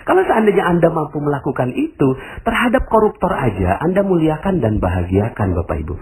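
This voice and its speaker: A man delivers a motivational religious talk to his audience. His pitch swings widely as he preaches, and he slips into other people's voices to act out what they say. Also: brisk, poor audio. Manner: animated, acts out quoted voices, addresses audience directly. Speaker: Islamic preacher.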